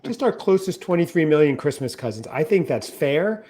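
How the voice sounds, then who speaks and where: A man's voice: a little high, lively intonation, moderate pace, mellow. A man co-hosting a podcast, chatting casually and playfully with mock boasts. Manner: playful, jokey, slips into a mock announcer voice. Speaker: podcast co-host.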